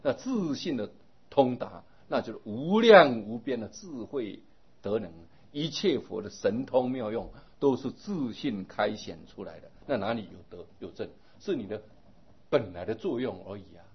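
A man giving a Buddhist dharma sermon, explaining at length and trailing many phrases with a drawn-out particle. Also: medium pitch, lively intonation, slightly rough. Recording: dull lo-fi recording.

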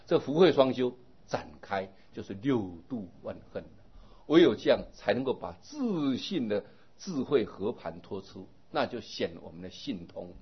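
A man giving a Buddhist dharma sermon, explaining at length and trailing many phrases with a drawn-out particle. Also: lowish voice, very animated, breathy edge. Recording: dull lo-fi recording.

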